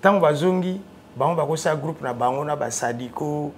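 This studio guest, a man with a Congolese French accent, recounts his music career from a TV studio sofa, switching between French and Lingala in relaxed conversation. His slightly high voice moves at a moderate pace over faint background noise, and he grows loud when his storytelling gets excited.

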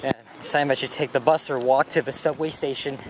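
A man's voice: mid-range voice, steady tone, a little fast. A man hosting a walking vlog, chatting to himself and his viewers while he climbs, a bit out of breath, recorded outdoors in a city park. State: winded from climbing. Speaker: vlog host. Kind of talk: casual walking commentary. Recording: outdoor street noise, traffic behind.

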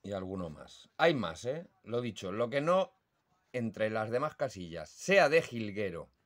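His voice is on the low side and swings widely in pitch. He's a birdsong judging instructor from Spain, explaining the judging rules slowly and deliberately while imitating the calls out loud.

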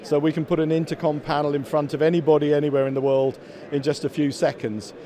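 This trade show interview features a company executive in his fifties describing products in a bustling exhibition hall, talking into a handheld mic the interviewer holds. He speaks quickly in a fairly high, warm voice with little pitch variation, frequently backtracking and repeating himself.

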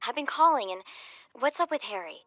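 Eager cartoon teen girl, bit high, lively. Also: a little fast, no echo, full character voice. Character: friendly teenage girl, worried friend.

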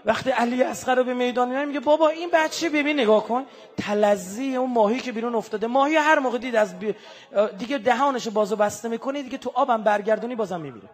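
A man with a fairly high, husky voice preaches a religious sermon. He drops to hushed, grieving tones and then climbs into loud, fervent exhortation. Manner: swings from hushed mournful lines to loud fervent outbursts. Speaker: religious speaker.

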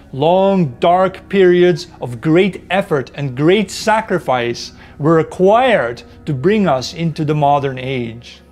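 A Dutch man in his fifties, a native Dutch speaker, hosts a video essay outdoors in a forest, speaking to camera in a solemn, impassioned, earnest way. His voice is fairly high-pitched and a little mellow.

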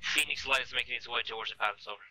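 Man talking quickly over a radio. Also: mid-range voice, bright, forceful tone, rough recording. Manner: terse call-and-answer radio talk ending in "over". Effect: voice heard over an in-game radio. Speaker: player in a military simulation game. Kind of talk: radio procedure chatter.

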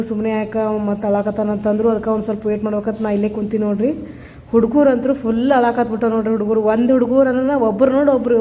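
A mother from North Karnataka chats fast into her phone camera in a regional Kannada accent. Her voice sits a little high but mellow and stays level in tone. She keeps showing viewers things in a casual vlog way. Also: slight background noise. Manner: chatty, keeps saying "see" to viewers. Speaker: mother vlogger.

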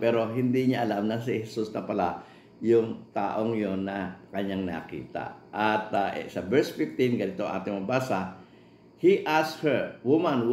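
A man preaching a Bible lesson, reading scripture slowly with many pauses and fillers. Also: on the low side, a little mellow. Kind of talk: sermon, Bible teaching. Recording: roomy echo.

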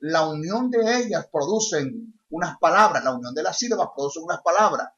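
Preacher guy, high voice, keeps repeating his points hard, kinda muffled lo-fi recording. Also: lively intonation, brisk, fairly bright tone. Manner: emphatic, repeats key phrases, mimics babbling mockingly. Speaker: preacher and Bible teacher. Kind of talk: sermon teaching. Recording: dull lo-fi sound.

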